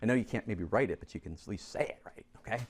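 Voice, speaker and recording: Lively male chemistry teacher in class. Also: fairly low pitch, fast talker, slightly rough. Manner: lively, teasing, coaxes students to answer. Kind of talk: classroom lesson.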